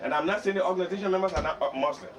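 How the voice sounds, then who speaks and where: A man's voice: sits high, racing, a crowd in the background. An older man gives an impassioned speech at a community meeting, pressing his points, repeating words and slipping into a local language. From Liberia.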